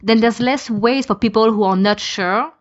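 At a normal speed and a fairly high pitch, a woman speaks in a casual podcast discussion. As a fan podficker, she states her opinions and supports them with example lists; the voice recording is dull and lo-fi.

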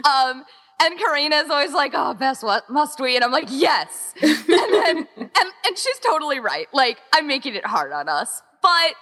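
This podcast guest, an event co-founder, talks in a high, sharp, very animated voice at a normal pace. She's chatty and casual, peppering everything with "like," and the sound is that of a big room.

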